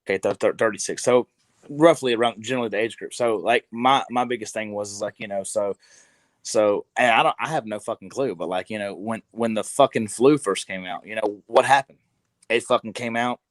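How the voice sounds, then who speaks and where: A man's voice: on the low side, a little fast, no echo. A man in his twenties on a podcast, rambling in casual chat, full of fillers and cursing. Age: 20s. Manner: rambling, heavy with fillers and swearing.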